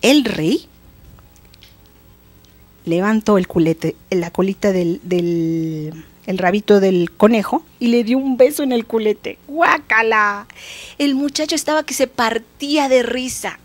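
A woman, hosting a show and telling a folk tale in a lively, expressive, casual way. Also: medium pitch, takes it slowly, no room sound. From Mexico. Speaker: storyteller host. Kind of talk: folk tale storytelling for children.

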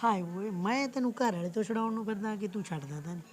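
A man's voice: sits high, fast, slight background noise, lightly acted. A man playing a boastful, flirtatious village headman in a village comedy drama. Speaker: actor.

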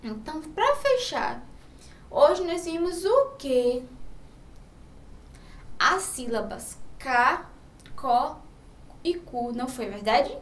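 A woman's voice: high-pitched, big pitch swings, echoey room, far from the mic. A woman with a Brazilian Portuguese accent teaching a first-grade literacy lesson, drawing words out and asking the children questions. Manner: slow, sing-song, drawn-out words, asks children questions. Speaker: primary school teacher.

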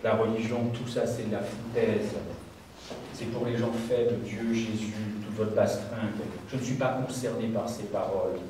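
A man voicing a frantic, furious father who shouts and accuses a surgeon, in a sermon story. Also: lowish voice, steady tone, normal speed, lightly acted. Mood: scornful. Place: church. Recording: echoey church, far from the mic, background noise.

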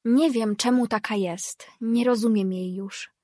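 A woman's voice: on the high side, unhurried, warm tone, dry recording, studio quality. A woman reading the lines of a heartbroken, tearful middle-aged father in an audiobook, subdued and shaky. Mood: grieving.

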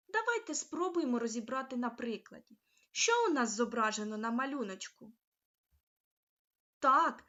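Woman, primary teacher, slow deliberate phonics lesson, questions to the class, high voice. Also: fairly bright tone, highs cut off. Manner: slow, careful, sounding out letters and asking the children questions. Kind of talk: recorded phonics lesson for children.

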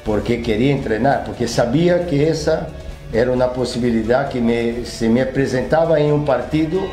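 A man in his sixties with a Brazilian accent speaks in a mellow, darker voice. He talks in a relaxed, unhurried way with frequent fillers. The studio sounds echoey, with faint music underneath. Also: mid-range voice. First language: Portuguese. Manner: relaxed, hesitant with many fillers. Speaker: football academy director. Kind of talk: casual interview answers. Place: television studio.

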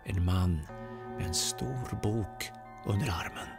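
A man from Sweden telling a ghost story aloud, dramatic with slow, suspenseful pauses. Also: on the low side, vocal fry, loud music behind the voice. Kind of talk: oral ghost story narration.

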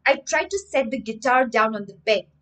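A young woman, acting as teacher and storyteller, reads a story aloud on a livestream from a room at home, expressively and emphatically, often pausing to explain words. Her voice is a little high at normal speed, framed by a webcam.

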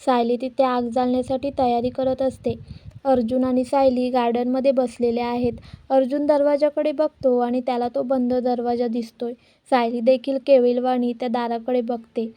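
A woman reading a scripted recap of a television serial in an even storytelling manner. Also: fairly high pitch, normal speed. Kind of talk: scripted narration.

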